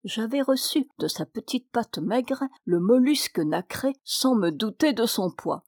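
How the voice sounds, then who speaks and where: A woman narrating a classic tale in an expressive, measured audiobook reading. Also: a little high, dry recording, studio quality. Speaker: reader.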